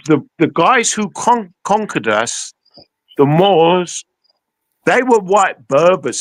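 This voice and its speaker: Bright-voiced, stammering man. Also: a little high, dry recording, poor audio. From England. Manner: rambling, with repeated stammered restarts. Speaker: guest. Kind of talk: live-streamed interview. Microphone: video call.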